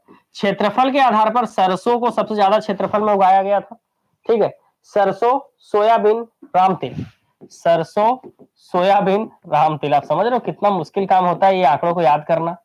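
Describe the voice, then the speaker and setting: High-voiced Chhattisgarhi man coaching exam students. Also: darkish tone. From Chhattisgarh, India. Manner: drills lists by repetition, asks students questions. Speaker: teacher. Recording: dull lo-fi recording.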